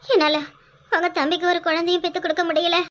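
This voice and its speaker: A faint, tearful young village wife from a cartoon, as a woman plays her, pleading in broken, halting phrases with a Kanyakumari Tamil accent. Her voice is very high and bright. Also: flat delivery.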